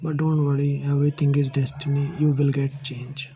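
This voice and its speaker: A man from India with an Indian English accent, telling his own life story to his viewers in a halting, earnest way. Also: medium pitch, level tone, warm tone, a little hiss or hum, rough recording. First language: Hindi. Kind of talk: personal storytelling to camera.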